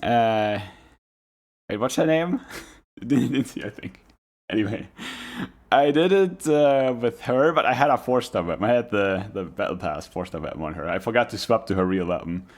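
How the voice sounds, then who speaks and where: A man's voice: fairly low pitch, animated, moderate pace. A man giving casual, rambling reaction commentary as a streamer, musing aloud and trailing off in asides.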